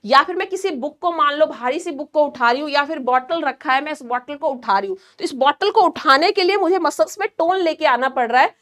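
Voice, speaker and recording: A woman's voice: high voice, fairly bright tone. A woman teaching an online nursing class, quizzing her students and then answering herself. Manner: explains slowly with hand demonstrations.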